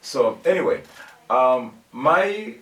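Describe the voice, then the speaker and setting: Halting older man, distant roomy sound. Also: medium pitch, very animated, a bit bright. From Congo. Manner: halting, many fillers and restarts. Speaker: guest musician. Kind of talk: casual interview. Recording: roomy, distant mic, faint noise.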